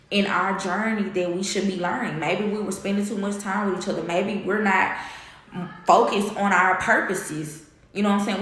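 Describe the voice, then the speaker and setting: A woman's voice: on the low side, a little hiss or hum. Candid woman telling an emotional story, echoey room. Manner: candid, animated, quotes others in dialogue. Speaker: vlogger.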